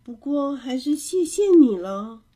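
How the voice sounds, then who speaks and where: Woman doing an excited little boy, high and eager. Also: a little slow. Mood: disappointed. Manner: excited, insistent calling out. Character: eager little boy, proud of his drawing.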